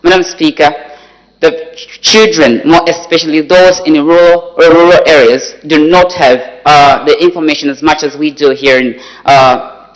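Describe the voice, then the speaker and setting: Halting young Zambian man in formal debate. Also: fairly high pitch, fairly even intonation, rough recording. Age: teenager or young adult student. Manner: halting, hesitant, repeats words. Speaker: youth parliament member debating a motion. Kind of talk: formal parliamentary debate speech. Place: debating chamber.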